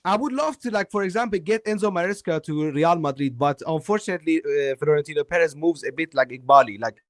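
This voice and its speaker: A man's voice: a little high, expressive, fast, no echo, studio quality. A man debating football casually and emphatically, often checking in with the listener. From Iran. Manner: emphatic, repeatedly checking with "okay?".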